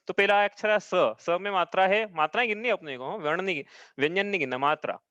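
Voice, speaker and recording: A man's voice: high-pitched, bright, forceful tone, no echo, dull audio. A man teaching a live class, patiently explaining each step and often checking that his students follow. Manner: chants verses slowly. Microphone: own mic, audio only.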